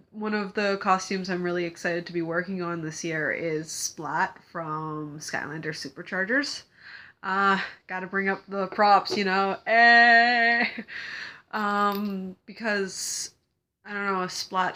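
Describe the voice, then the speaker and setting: A woman's voice: on the low side, bright, forceful tone. A young woman chatting to camera in a rambling, giggly way, sounding congested from a cold. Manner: rambling, giggly, lots of fillers. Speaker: cosplay vlogger. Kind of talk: casual chat to camera.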